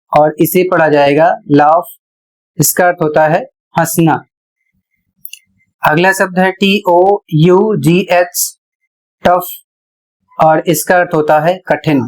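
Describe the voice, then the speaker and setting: Slow, deliberate pronunciation teacher. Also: mid-range voice, low-quality recording. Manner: spells words letter by letter, deliberate and explanatory. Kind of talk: pronunciation lesson.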